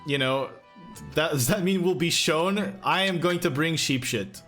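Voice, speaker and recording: A young man with a slightly higher voice chats loosely through a livestream, full of ums and restarts as he answers viewer questions. Faint music plays underneath his voice. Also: measured pace. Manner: relaxed, rambling with many fillers and restarts. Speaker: game master and stream host. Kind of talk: casual livestream chat, reading chat questions.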